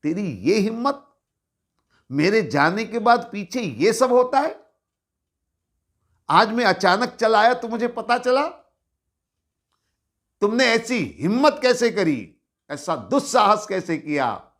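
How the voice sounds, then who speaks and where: A man's voice: fairly high pitch, very animated, a little slow, gravelly, exaggerated voice. A man voicing an arrogant, enraged nawab who scolds a servant. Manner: shouting, scolding. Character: furious arrogant male nawab, middle-aged.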